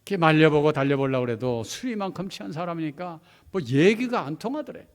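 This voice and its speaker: A male pastor preaching to his congregation, telling a story dramatically and swinging from hushed to loud. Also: fairly high pitch, lively intonation, quick pace, big-room sound. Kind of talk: sermon storytelling. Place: church hall.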